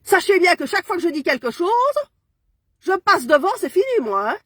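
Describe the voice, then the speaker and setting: A woman's voice: extremely high pitch, animated, fairly quick, a bit bright, dry recording. A woman, ranting furiously on a social media live stream and punctuating her lines with "hein". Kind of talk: angry live-stream rant.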